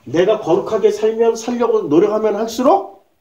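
A woman's voice: medium pitch, moderate pace, mellow, dull audio. A woman pastor preaching a sermon in a blunt, emphatic way, firing rhetorical questions and dropping coarse slang. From South Korea.

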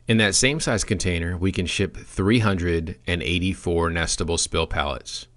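Male product trainer with a deep voice, reading a script with dry, deadpan humor. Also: moderate pace.

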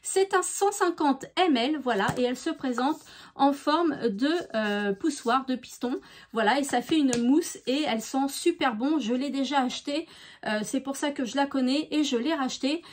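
Chatty woman with a high voice. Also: moderate pace. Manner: chatty, frequent hesitations, enthusiastic about products. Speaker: beauty vlogger. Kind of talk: casual haul chat to camera.

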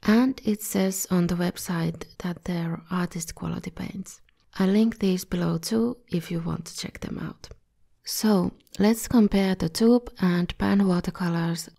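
Hosting an art tutorial through scripted voice-over narration, this woman sounds a bit sick. Her lowish voice is creaky and dark, with a breathy edge and a slight scratchiness.

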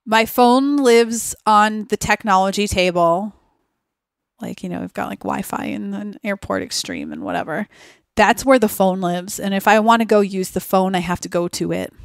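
A woman speaking as a podcast guest in a relaxed, earnest conversation, reflective and quick to laugh. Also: mid-range voice, smooth, dry recording, clean studio sound. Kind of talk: conversational interview.

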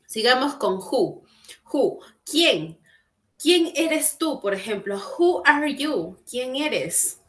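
A woman's voice: sits high, big pitch swings, extremely slow, fairly bright tone. Patient woman teaching an online class. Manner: patient, explaining, checks in with frequent tag questions. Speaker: English teacher. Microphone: computer mic on video call.

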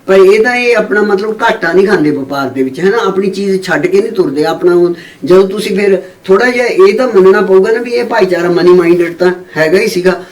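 A woman's voice: medium pitch, fast talker, hardly any pauses, a little mellow. A woman author speaking as an interview guest, emphatic and often checking agreement with tag questions. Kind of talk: conversational interview. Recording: echoey room from far off.

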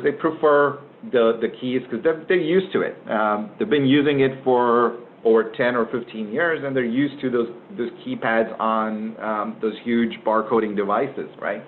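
A man's voice: mid-range voice, a little hiss or hum. A man presenting a business webinar on warehouse devices, talking loosely with many fillers and tag questions. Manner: lots of fillers and restarts, says "right?" often. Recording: tinny phone-line webinar audio.

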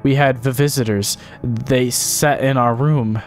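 A man's voice: mid-range voice, steady tone, soft background music, lightly acted. A man voicing a frightened little girl from a game, stammering over her words. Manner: stammering, halting. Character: scared stuttering little girl.

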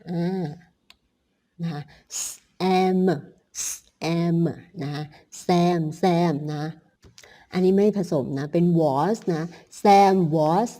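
A Thai woman teaching English phonics to adults. She drills each word slowly, says the sounds again and again, and ends phrases with polite particles. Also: lowish voice, dark tone. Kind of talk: slow phonics lesson for adults.

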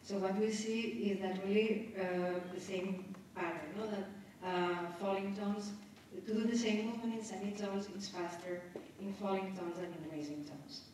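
Recorded from far off in an echoey conference hall with a little hiss or hum, a woman lectures step by step and adds tag questions as she goes. Her first language is Spanish, and her medium-pitched voice is a little mellow, fairly even in intonation, at a moderate pace.

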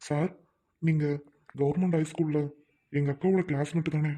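A woman's voice: sits low, steady tone, moderate pace, mellow. A woman playing a polite, worried younger brother who speaks respectfully and hopefully, in amateur drama acting.

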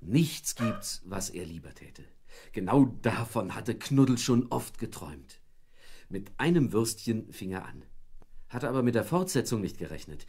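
A man narrating a children's storybook in a playful, lively way. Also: mid-range voice, husky.

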